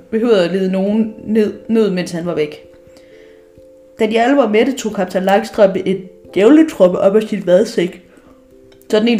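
A woman reads a children's story aloud at a mid pitch, lively and animated. She often trips over words and restarts, as in a home read-aloud. Faint music plays behind her.

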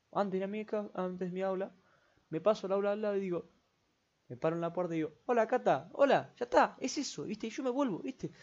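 A young Rioplatense man chats alone into the mic as a podcast host, wandering from thought to thought and tagging his lines with little fillers. His voice sits a touch high for a man. The recording sounds dull and lo-fi. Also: mellow. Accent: Rioplatense Spanish. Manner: rambling, chatty, full of filler tags. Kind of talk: casual solo podcast chat.

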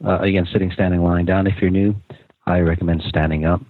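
A man leading a guided meditation podcast in a calm, casual, unscripted way, with pauses between short phrases. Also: deep voice, no room sound. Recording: muffled, phone-like narrow sound.

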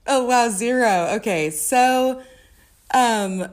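Speaking slowly in a slightly high voice, a young Midwestern American woman chats as a podcast guest in a casual interview. A singer and music therapist, she fills her talk with fillers and restarts.

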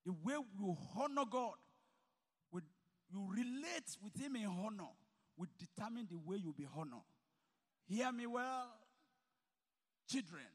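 A man preaching a sermon to students, emphatic and swinging between quiet asides and loud exhortation. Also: high voice, animated, measured pace, long pauses. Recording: reverberant hall.

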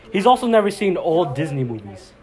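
A young man co-hosts a casual chat with a hoarse, worn-out voice. His pitch sits slightly high and jumps about in a lively way as he teases his friend. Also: normal speed. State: losing his voice. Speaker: podcast co-host.

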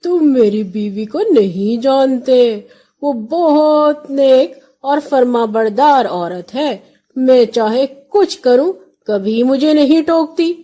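A woman's voice: on the high side, a little mellow, lightly acted. A woman voicing an easygoing male peasant who keeps trying to finish his tale. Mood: confident.

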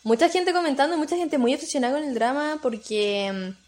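A young woman with a Chilean Spanish accent and a sore throat, co-hosting a casual podcast chat, playful and quick to laugh. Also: high voice, darkish tone. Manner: playful, laughs often, sings snippets. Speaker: podcast co-host.

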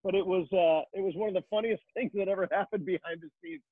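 Man, hockey reporter, chatty storyteller, slightly high voice, phone-line sound. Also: steady tone, fast talker, husky, no echo. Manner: chatty storyteller, many fillers. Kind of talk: casual interview answers.

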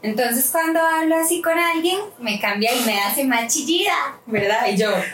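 A woman chats on a podcast with a fairly high voice, telling stories and jumping into sudden pitch leaps whenever she quotes someone. She sounds set back from the mic in an echoey room. A faint noise sits underneath. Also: expressive, moderate pace, a bit bright, far from the mic. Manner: acts out quoted voices with big pitch jumps, laughs often. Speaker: podcast co-host. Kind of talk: casual chat, animated storytelling.

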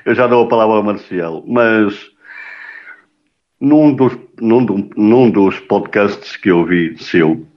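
A man's voice: fairly low pitch, slow pace. A man hosting a radio chat, prompting his guest with questions. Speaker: radio host. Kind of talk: interview chat. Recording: dull lo-fi sound.

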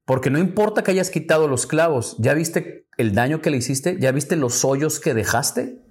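A man voicing a calm older male spiritual teacher who gives patient, step-by-step instructions. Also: fairly high pitch, normal speed.

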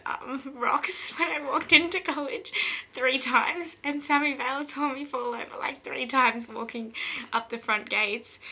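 A woman's voice: a little high, bright, forceful tone. A young Australian woman at college, telling her story in a casual interview, rambling and laughing often. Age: young adult.

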